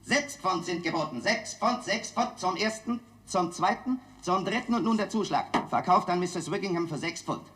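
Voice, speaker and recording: An actor playing a smooth-talking auctioneer in a dubbed film, giving repetitive sales patter and bid calls. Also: male voice, sits high, moderate pace, few pauses, a bit bright. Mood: salesmanlike patter. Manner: repetitive auctioneer calling of bids. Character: smooth-talking London auctioneer hawking antiques to bidders. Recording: echoey room, old film dub.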